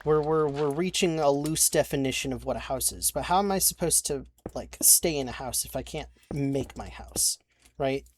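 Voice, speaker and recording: Speaking at a moderate pace in a medium pitch, a young man narrates his gameplay for a let's-play. His commentary rambles and turns frustrated, with swearing and sentences he starts over. A little hiss or hum accompanies faint keyboard clicks.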